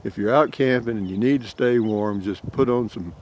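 A fairly low, slightly mellow voice with a drawl comes through at a moderate pace, with some slight background noise. It belongs to an older camping vlogger chatting outdoors in a pine forest, phone held at arm's length, rambling in a folksy way and chuckling often.

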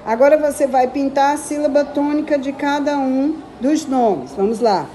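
A woman's voice: high voice, normal speed, warm tone, slight background noise. A woman teacher with a Brazilian Portuguese accent, patiently going through a recorded school lesson and drawing out words to stress their syllables.

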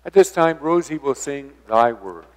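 Pastor, man, smooth measured delivery, long cathedral echo in a large church. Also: mid-range voice, animated, darkish tone. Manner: slow, measured intoning. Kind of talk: leading liturgical prayer.

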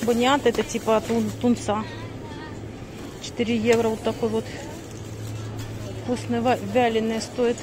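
A woman's voice: fairly high pitch, level tone, a little slow, long pauses, background noise. A middle-aged woman vlogging on a handheld phone, rambling casually and thinking aloud as she goes. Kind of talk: casual vlog chat. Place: on the move: stairwell, parked car, busy supermarket. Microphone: handheld phone at arm's length.

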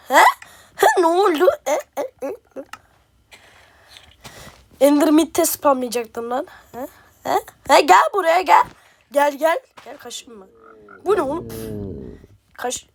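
A woman giving playful, excitable gameplay commentary as a gaming streamer, trash-talking and reacting loudly. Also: sits high, a little hiss or hum. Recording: game music behind.

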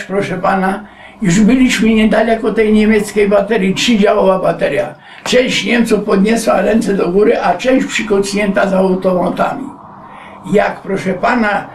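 A man's voice: high voice, slight background noise. A man in his nineties, a war veteran, recalling his wartime past in a rambling oral-history interview and often addressing the interviewer as sir. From Poland. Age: 90s. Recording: echoey room, distant mic.

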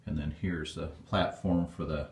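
Homeowner, male, very low voice, plainspoken, rambling tour, echoey basement. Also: steady tone, moderate pace, darkish tone. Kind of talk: casual walkthrough narration. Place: dark stone basement, indoors. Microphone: handheld phone camera.

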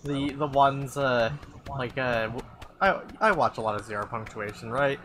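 A man's voice: mid-range voice, moderate pace, noisy background. A man playing a video game on a stream, joking and rambling loosely with lots of fillers. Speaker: let's play player. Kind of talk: casual gameplay chat.

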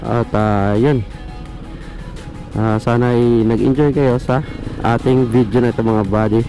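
A man's voice: medium pitch, a little slow, soft background music, poor audio. A man with a Filipino accent, hosting a motorbike vlog in a casual, filler-heavy way. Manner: relaxed, filler-heavy talk with frequent "ah" and "mga buddy". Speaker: motovlogger host. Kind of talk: casual vlog talk to viewers.

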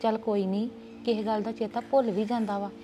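A woman's voice: medium pitch, flat delivery, fairly quick, dark tone, slight background noise. A woman playing an aunt in a family drama, soothing at first and turning indignant. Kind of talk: Punjabi family drama dialogue.

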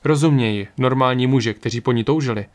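Give me a man playing a calm, stern card reader with a grave, measured voice, for an audiobook. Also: mid-range voice, natural voice.

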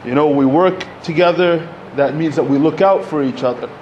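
A panel speaker in his thirties, originally from Egypt, gives a public talk at a podium microphone in a community center hall. He speaks conversationally, with plenty of fillers and restarts, at a normal speed. His voice is a little high with a darkish tone, and the lo-fi recording carries slight background noise.

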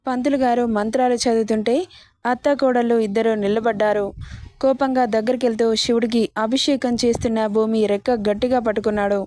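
Mellow, slightly high woman storyteller. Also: dry recording, studio quality. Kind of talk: serialized romance story narration.

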